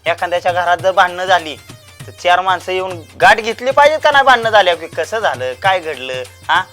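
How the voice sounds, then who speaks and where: A man's voice: high-pitched, expressive, fairly quick, pushed and bright, faint music behind. A man with a rural Marathi accent playing a scheming village man who wheedles and eggs two women into a fight, in a comedy sketch. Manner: wheedling, egging others on. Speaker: village troublemaker.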